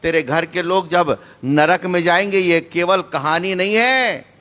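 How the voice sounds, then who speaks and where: A male pastor preaching a sermon, swinging from loud shouted calls to quiet asides and mixing in English phrases. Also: high voice, unhurried. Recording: long hall reverb.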